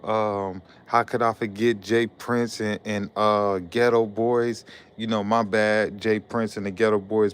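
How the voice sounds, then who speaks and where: This is a young man from Detroit hosting an informal live stream and working through viewer comments in a loose, repetitive way. His voice comes across clean and smooth, with pitch that stays fairly flat.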